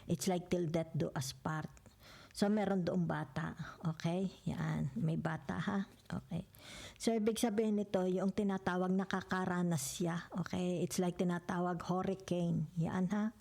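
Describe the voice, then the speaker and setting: Gravelly low woman reading tarot. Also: level tone, moderate pace, dark tone. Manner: chatty, mixes English into Tagalog, keeps checking "di ba?"; drops into whispers at times. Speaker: tarot reader.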